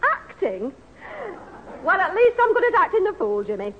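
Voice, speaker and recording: A woman playing a good-natured, excitable aunt in a 1960s radio comedy, theatrical in manner. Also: very high-pitched, moderate pace. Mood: flustered, game. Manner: theatrical, animated. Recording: dull old radio recording with hiss.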